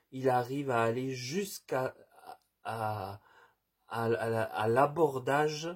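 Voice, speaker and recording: A man with a husky, breathy voice talks through a tarot reading at an unhurried pace. He hesitates a lot and restarts his sentences. His sign-off advice is earnest, and the recording is on the quiet side. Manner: hesitant, many fillers and restarts. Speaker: tarot reader. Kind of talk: casual spoken reading. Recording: quiet, low-level voice.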